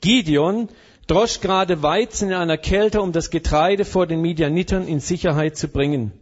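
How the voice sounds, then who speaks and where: Brief: male preacher, high voice, playful sermon delivery with English asides, slightly muffled recording. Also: moderate pace. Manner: humorous, mixes German with English phrases.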